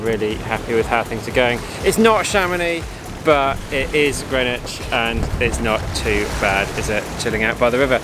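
A man's voice: medium pitch, background noise. A man, chatting casually to a camera at about arm's length in the open air. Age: 30s. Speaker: running vlogger.

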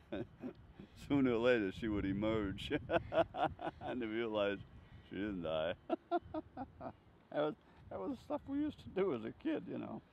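Older man, deep and gravelly, telling his life story with chuckles; outdoors on a handheld mic. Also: a little mellow. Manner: chuckling, rambling anecdotes with frequent laughs. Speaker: interviewee. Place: outdoors on a bench. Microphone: handheld furry-windscreen mic held near chest. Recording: slightly dull sound, faint outdoor noise.

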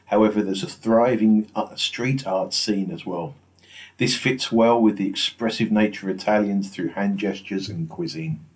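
A man narrating his travel vlog in a scripted voice-over, measured and unhurried. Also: fairly low pitch, slight background noise. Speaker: travel vlogger.

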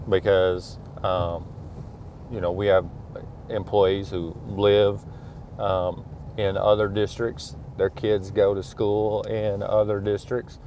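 This middle-aged school superintendent drives his truck at night, chatting casually and thinking aloud with lots of fillers. His voice is on the low side and darkish, with little pitch movement, and he takes his time; faint engine and road noise sit behind him.

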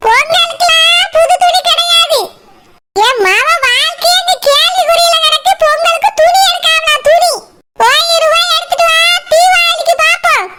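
A woman voicing a stingy, bossy village mother-in-law in a cartoon, with a Tirunelveli Tamil accent and a nagging, shouting way of talking. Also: extremely high pitch, steady tone, moderate pace, heavy background noise. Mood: scolding. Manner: scolding, nagging, shouts often.

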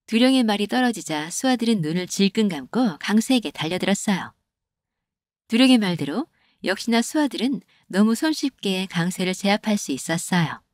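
A woman's voice: mid-range voice, expressive, fairly quick, dry recording, studio quality. Woman telling a comic folktale. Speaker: storyteller. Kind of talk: scripted narration of a comic folktale.

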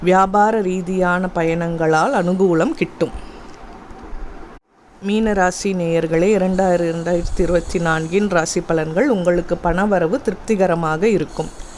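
A voice reading out a scripted daily horoscope in a steady, formal recitation, taking each sign in turn. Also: mid-range voice, a little slow, a little hiss or hum. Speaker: horoscope reader.

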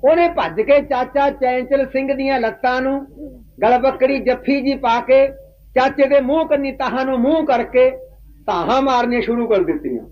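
High-voiced male storyteller, emphatic. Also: moderate pace. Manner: emphatic, preachy, asks the listeners questions. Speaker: kavishari storyteller. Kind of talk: religious historical storytelling. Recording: dull lo-fi recording.

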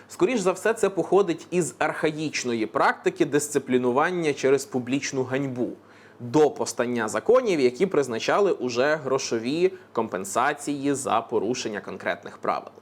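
A man presenting a scripted language explainer, brisk and with playful asides. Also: mid-range voice. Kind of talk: scripted educational narration.

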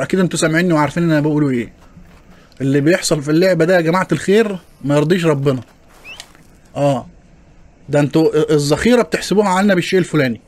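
An Egyptian man talks his viewers through his gameplay in a quick, chatty stream, joking and grumbling as he goes. His voice sits slightly high for a man, and faint music plays underneath him. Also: a little mellow. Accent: Egyptian Arabic. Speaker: gaming channel host. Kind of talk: gameplay commentary.

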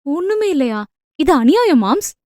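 A chatty, cheeky young wife, as a woman voices her, trading quick playful banter with her husband. Her voice sits fairly high. The recording is dry and close. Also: lively intonation, a little mellow, no room sound, natural voice.

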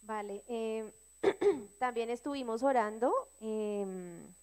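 A woman's voice: fairly high pitch, takes it slowly, darkish tone, smooth. A woman sharing with her church prayer group, reading scripture aloud and speaking with earnest emphasis. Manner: earnest, rising to emphatic cries when reading.

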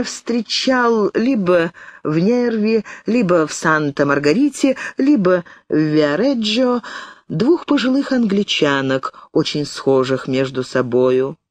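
A woman reading an audiobook in a measured, deliberate manner. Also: mid-range voice, expressive, no echo. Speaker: audiobook reader. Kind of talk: audiobook narration.

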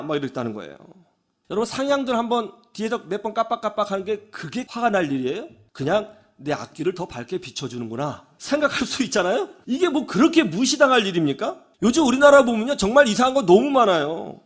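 A male pastor giving a radio sermon, telling stories in an animated way and acting out the people he quotes. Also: sits high, fast. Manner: animated storytelling, acts out quoted voices. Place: radio studio.

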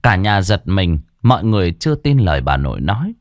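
A man narrating a ghost story dramatically, dropping to a hush for tension. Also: sits low, a little fast, no echo, clean studio sound. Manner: dramatic, expressive, swings between hushed and loud.

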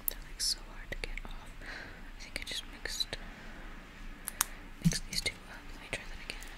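A young adult woman rambles casually in a breathy ASMR whisper, very close to the microphone, with nail taps. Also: normal speed, rough recording. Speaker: ASMR video creator. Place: small bedroom. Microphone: close desktop condenser microphone.

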